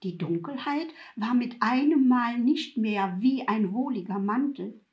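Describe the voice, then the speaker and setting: A woman narrating a story in an expressive, dramatic reading style. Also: a little high, unhurried, muffled recording. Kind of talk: scripted narration.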